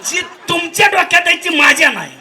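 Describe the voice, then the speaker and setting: Impassioned high-voiced kirtan preacher. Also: male voice, animated, brisk, background noise. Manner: impassioned, calls out to the crowd, rises to shouts. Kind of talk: devotional kirtan sermon.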